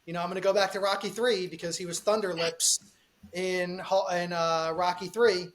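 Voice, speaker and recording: High-voiced man recalling pop culture. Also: steady tone, normal speed. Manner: enthusiastic pop-culture recollection. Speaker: podcast co-host. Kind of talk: casual chat.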